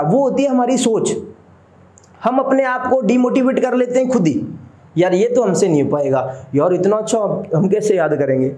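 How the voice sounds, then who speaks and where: High-voiced teacher drilling facts. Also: male voice, darkish tone. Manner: fast, drilling, asks "clear?" and answers himself. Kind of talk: exam-prep history lesson. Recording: echoey room.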